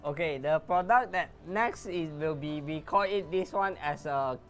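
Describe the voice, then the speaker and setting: A woman's voice: sits low, a little slow, soft background music. A woman product specialist explaining network storage gear in a patient, matter-of-fact way.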